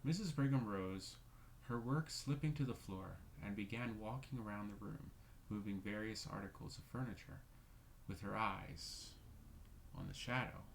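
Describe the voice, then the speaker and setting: A man reading a classic ghost story aloud in a measured, steady way. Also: on the low side, creaky, slight background noise, low-quality recording. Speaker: reader.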